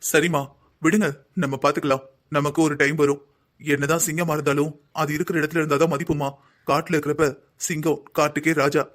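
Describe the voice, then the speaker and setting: A patient young husband in a cartoon drama who calmly reasons with his family, voiced by a man. His voice sits a little high. He keeps an even, soothing tone. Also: brisk, lightly acted. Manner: calm, reasoning. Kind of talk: Tamil cartoon drama voicing.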